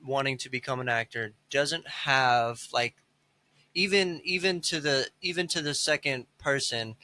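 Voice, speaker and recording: A man hosting a podcast who asks long, halting questions and often restarts them. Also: medium pitch, pushed and bright. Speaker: podcast host. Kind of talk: interview questions.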